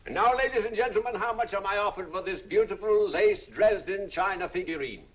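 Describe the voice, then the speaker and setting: A man's voice: sits high, fairly quick, a little hiss or hum, close to an everyday voice. An actor playing a persuasive male auctioneer with a showy sales patter. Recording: dull old film soundtrack.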